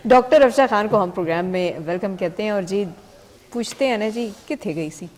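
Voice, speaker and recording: ایک خاتون میزبان، فون پروگرام چلاتی ہے، بار بار "آ" اور "جی" کہتی ہے۔. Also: female voice, medium pitch, a little mellow, big-room sound. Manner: friendly, many fillers, affirming interjections. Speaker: host. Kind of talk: hosting a call-in health show.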